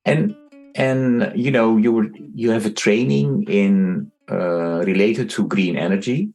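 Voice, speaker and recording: A man's voice: lowish voice, slow, a little mellow, faint music behind. A man hosting an interview podcast, introducing and questioning a guest in conversational speech. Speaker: podcast host.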